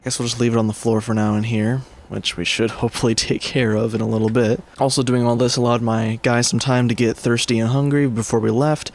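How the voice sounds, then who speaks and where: A man's voice: mid-range voice, little pitch movement, brisk, hardly any pauses. A man giving casual let's-play commentary as a gaming creator, rambling and correcting himself, swearing when things go wrong. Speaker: gaming YouTuber.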